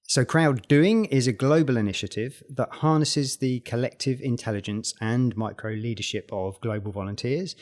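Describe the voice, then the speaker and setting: A man with a New Zealand accent, hosting a podcast and introducing his guest in a measured, formal way. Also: lowish voice. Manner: measured, formal reading then friendly invitation. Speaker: podcast host.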